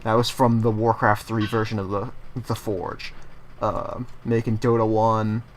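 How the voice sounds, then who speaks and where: A man's voice: on the low side, level tone, unhurried, slight background noise. A man giving casual gaming commentary, swearing heavily and ranting as he gets frustrated. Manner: profane, ranting, easily frustrated. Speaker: let's play commentator.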